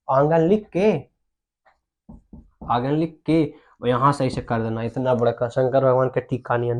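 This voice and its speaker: A young man gives a Hindi grammar lesson, explaining patiently and slowly while asking again and again whether the students follow. His voice is on the high side and a little mellow.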